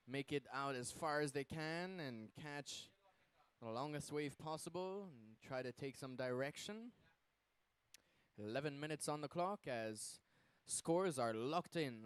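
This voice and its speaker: A man announcing a surf contest live, calling the action and scores in a laid-back, measured manner. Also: a little high, clear, resonant tone. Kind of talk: live competition commentary and announcements.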